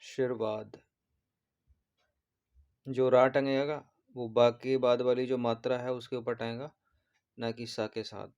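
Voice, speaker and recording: Male tutor, steady monotone delivery, patient, repeats each word while walking through answers. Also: mid-range voice, slow, pauses often, smooth, dull audio. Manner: repeats words, corrects spellings patiently. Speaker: exam prep teacher. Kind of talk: explaining test answers.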